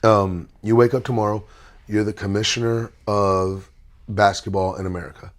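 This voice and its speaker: Male podcast host, lowish voice, chatty and playful, casual interview delivery. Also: flat delivery, normal speed.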